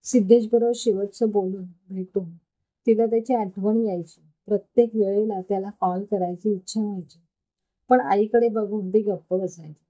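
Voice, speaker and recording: A woman reading an emotional story aloud, narrating and speaking the characters' lines gently. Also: medium pitch, steady tone, moderate pace, rough recording.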